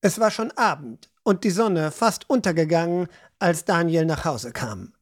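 A woman narrating a fantasy audiobook in a measured, expressive storytelling manner. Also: lowish voice. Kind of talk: scripted narration.

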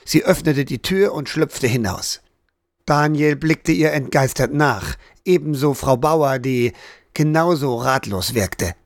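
A man reading an audiobook aloud as narrator, in a steady, even storytelling manner. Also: medium pitch, slow pace, no room sound, studio quality. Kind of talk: scripted narration.

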